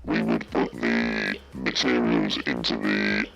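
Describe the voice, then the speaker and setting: Someone talking through a voice changer that makes the voice very deep, playing an anonymous disguised whistleblower in slow, deadpan jokes. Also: faint music behind, heavily acted. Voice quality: gravelly, croaking. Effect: voice changer pitching the voice very deep. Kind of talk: joking banter on a live game stream.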